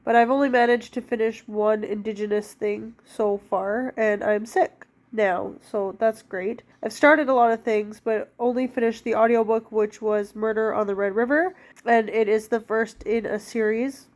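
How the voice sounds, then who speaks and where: Speaking at a normal speed in a steady tone, this woman in her thirties has a slightly mellow voice on the high side. She's a book vlogger with a stuffy cold, talking casually about books in a rambling way with lots of fillers.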